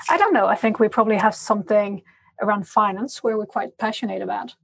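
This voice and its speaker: A woman in her forties with a French accent, giving thoughtful, measured answers as an interview guest. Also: medium pitch, creaky. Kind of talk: interview conversation.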